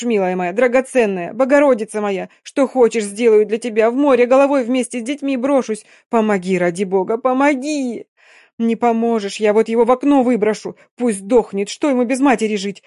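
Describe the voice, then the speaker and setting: A woman's voice: a little high, warm tone, no echo, clean studio sound, lightly acted. A woman voicing a desperate young Romani wife who wails and stammers out her pleas.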